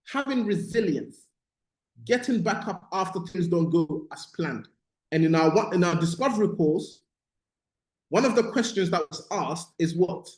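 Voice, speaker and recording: The speaker is a high-pitched, slightly mellow man, Ghanaian-born and raised in the UK from age eight, coaching business mindset in a live online course. His motivational delivery is forceful, circling back to key phrases and pausing regularly to check in. An echo fills the roomy recording.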